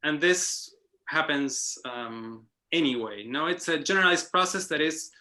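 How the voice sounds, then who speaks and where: A guest speaker on an online round-table call, this man has a somewhat high, expressive voice with a sharp edge and a measured pace. He thinks aloud in the academic discussion, hesitating, restarting often and tagging his points with a questioning "no?"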